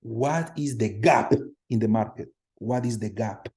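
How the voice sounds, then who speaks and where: A man from Colombia in his thirties teaching a class over a video call, energetic, often repeating words and putting questions to the students. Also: lowish voice, a little slow. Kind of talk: online class lecture. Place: home room on a video call.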